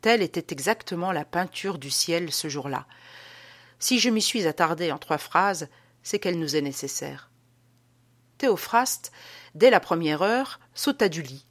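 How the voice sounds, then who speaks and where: A woman narrating a classic novel aloud in a measured, expressive storytelling manner. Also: fairly low pitch. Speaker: audiobook narrator.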